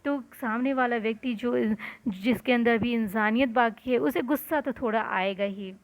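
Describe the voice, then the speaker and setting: Lady teacher going over a story for kids, explains each word, kinda high voice. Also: normal speed. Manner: explanatory, repeats and glosses words, talks to students. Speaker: school teacher. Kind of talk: explaining a literature lesson.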